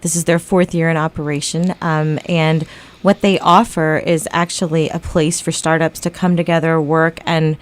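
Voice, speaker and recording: A woman's voice: low-pitched, little pitch movement, normal speed. A woman guest on a radio talk show, friendly and articulate, laughing easily. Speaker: guest, startup organization director. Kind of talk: radio interview.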